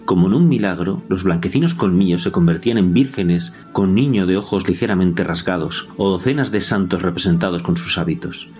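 A man giving a measured, scripted historical narration. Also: deep voice, a little mellow, faint music behind. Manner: measured, descriptive storytelling.

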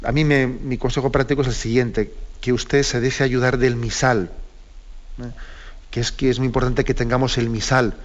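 Measured priest on call-in radio. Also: male voice, mid-range voice. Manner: measured, ends phrases with tag questions. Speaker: priest answering callers. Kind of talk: radio call-in spiritual advice. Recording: slightly dull radio broadcast.

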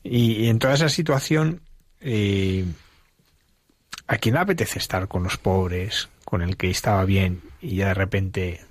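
Male interviewer, low, dry close sound, measured questioning. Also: dry recording.

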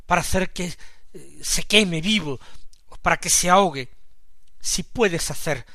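A man from preaching a radio Gospel reflection, slow and measured, with sudden emphatic swells in loudness. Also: high-pitched, vocal fry, dry recording. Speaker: preacher commenting the daily Gospel.

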